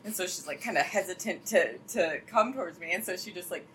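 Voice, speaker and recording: A woman's voice: fairly low pitch, expressive, a little fast, a bit bright, slight background noise, low-quality recording. A young adult woman chatting casually with a friend, telling stories with lots of "like" and frequent laughter. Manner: chatty storyteller, heavy use of "like", laughs often. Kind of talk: casual chat.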